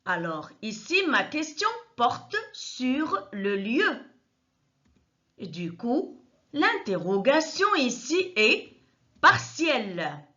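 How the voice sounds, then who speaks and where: A woman teaches a grammar lesson at an unhurried pace. She repeats each point methodically, and her high voice swings widely in pitch. The recording is dull and lo-fi. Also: pushed and bright. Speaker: French teacher.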